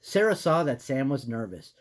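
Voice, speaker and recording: A woman reads a children's story as its narrator. Her voice is low and husky, and it rises and falls in a lively storytelling style. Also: normal speed.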